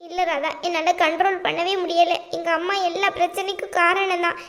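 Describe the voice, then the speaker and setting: A heartbroken young sister-in-law in a cartoon drama, voiced by a woman. Her voice is very high and it catches with tears. She sounds worn down and helpless. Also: little pitch movement, a little fast, fairly bright tone, soft background music. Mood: tearful. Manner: tearful, choked. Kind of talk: cartoon voice acting.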